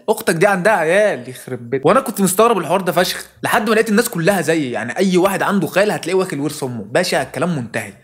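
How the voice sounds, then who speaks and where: A man with an Egyptian Arabic accent ranting in a comic monologue, with curses he cuts off mid-word. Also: sits high. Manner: rapid exasperated ranting with clipped-off curses. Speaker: comedy video host.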